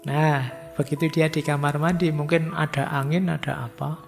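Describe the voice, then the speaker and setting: A middle-aged man giving an informal philosophy study lecture, telling lively stories with acted quotes. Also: on the high side, moderate pace, creaky. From Indonesia. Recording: music under long hall reverb.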